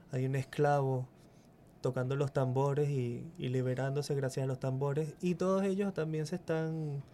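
A Chilean-born muralist in his forties appears as a guest in a radio interview, speaking in a mellow, mid-range voice over slight background noise. He sounds hesitant and keeps repeating words while searching for the right ones.

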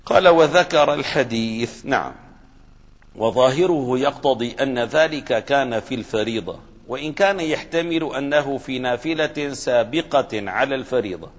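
A man's voice: medium pitch, normal speed. Man teaching hadith in a reverberant hall. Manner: explanatory, spells out name vowels carefully. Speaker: religious teacher. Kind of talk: lecture on hadith commentary.

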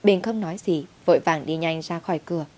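A woman's voice: on the low side, a little fast, warm tone. A woman narrating a first-person story in a dramatic, heated way. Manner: dramatic, heated when quoting herself.

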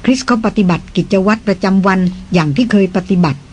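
A reader voicing a gentle, soft-spoken man in an audiobook, whose voice is soft and tender. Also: high voice, fast talker, a little hiss or hum, close to an everyday voice, low-quality recording. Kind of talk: audiobook dialogue.

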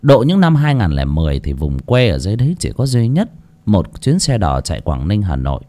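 Lively male audiobook narrator. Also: on the low side, brisk. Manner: lively, expressive reading. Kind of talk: storybook narration. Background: faint background music.

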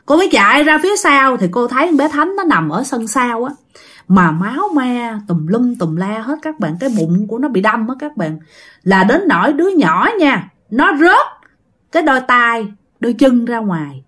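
Lively woman storyteller. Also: a little high, normal speed. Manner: chatty, addresses listeners directly. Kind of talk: casual ghost story telling.

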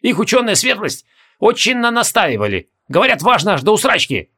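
A man's voice: sits high, huge pitch swings, brisk, bright, forceful tone, husky, pitched above the performer's own voice, exaggerated voice. A man doing a nasal, whiny big soldier. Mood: pleading. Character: huge male dragoon lieutenant, simple and loud.

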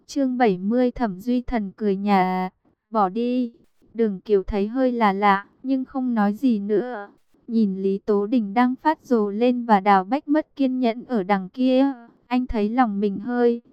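Woman narrator, audiobook, even storytelling, very clear, fairly high voice, slightly dull dry recording. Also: unhurried, dry recording. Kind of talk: scripted narration.

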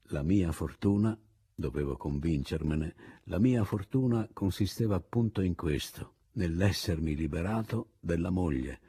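Husky-voiced man narrating a novel. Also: low voice. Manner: expressive, measured first-person storytelling. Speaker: audiobook narrator. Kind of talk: literary audiobook narration.

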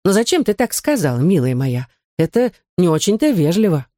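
A woman voicing a kind older woman who gently and patiently advises a young girl. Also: lowish voice, big pitch swings, brisk, no echo, clean studio sound. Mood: gentle.

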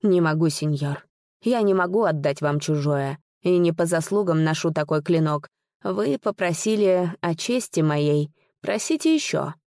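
A woman's voice: mid-range voice, unhurried, few pauses, a little mellow, no echo, studio quality, close to an everyday voice. A woman voicing a brave young noblewoman disguised as a youth, speaking earnestly and fervently. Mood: sad.

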